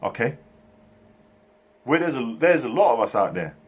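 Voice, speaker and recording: A man from Turkey, raised in England, preaching a monologue in halting bursts and tagging nearly every phrase with "man" or "okay". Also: medium pitch, sing-song, slightly rough. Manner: halting, frequent restarts. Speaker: religious speaker.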